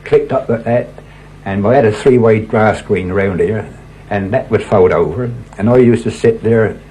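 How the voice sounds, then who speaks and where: A man's voice: on the low side, moderate pace, dark tone, a little hiss or hum, low-quality recording. An older man, earnestly telling anecdotes as a local resident, quoting conversations as he goes. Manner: earnest, repeats "he said" and "she said" as he acts out reported talk. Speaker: local resident and court usher telling his experiences. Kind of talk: anecdotal storytelling.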